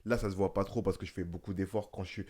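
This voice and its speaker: A man speaks at a medium pitch in casual conversation, with a lisp that softens his s into a slushy sound. He is emphatic, doubles back on his phrases and keeps checking he is being followed. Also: steady tone, fast talker, breathy edge. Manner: emphatic, repetitive, often checking the listener follows. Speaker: stage actor, guest.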